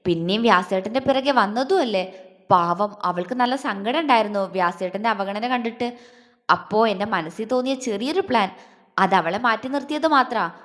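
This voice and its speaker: A woman's voice: medium pitch, expressive, moderate pace, fairly bright tone, lightly acted. A woman voicing a clever, scheming young woman who talks playfully and bossily. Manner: playful, bossy. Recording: long hall reverb.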